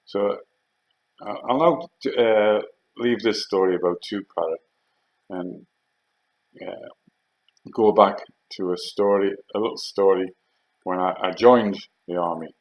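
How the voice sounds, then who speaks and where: Lo-fi sound frames a low male voice. The speaker is an older Geordie from Northeast England, an army veteran wandering through war stories in a casual, anecdotal style, taking his time and hesitating with fillers.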